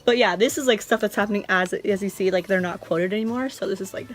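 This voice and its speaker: A woman's voice: mid-range voice, fast. A young adult woman vlogger in a casual, confessional chat, talking informally and rambling as she goes.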